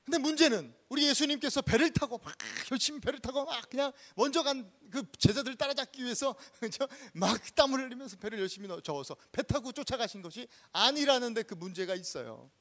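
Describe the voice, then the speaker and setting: A male pastor giving an animated storytelling sermon in a church, acting out the scenes he tells. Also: extremely high pitch, a little fast, few pauses. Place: church sanctuary.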